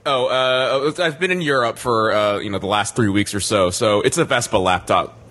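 A man's voice: on the low side, moderate pace, background noise. A man on a podcast panel in casual chat, rambling and laughing through his own jokes.

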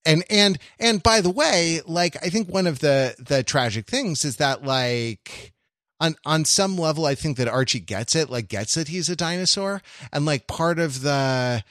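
With a fairly high, expressive, slightly bright voice at a measured pace, a man co-hosting a podcast thinks aloud about classic television, often repeating and rephrasing as he looks for words. The studio recording is clean, with no room sound.

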